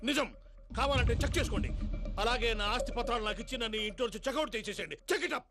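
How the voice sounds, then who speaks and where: Comic film actor, man, high voice, smug gloating, loud score behind. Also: racing, music in the background. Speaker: film actor in a comedy scene. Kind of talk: film comedy acting.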